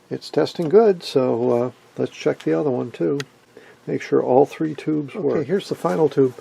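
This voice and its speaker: A middle-aged vintage radio hobbyist presenter, off camera at a workbench in an indoor workshop, explains casually and matter-of-factly as he works through a hands-on demonstration. His mid-range voice is warm with vocal fry, and the low-quality recording has a little hiss or hum.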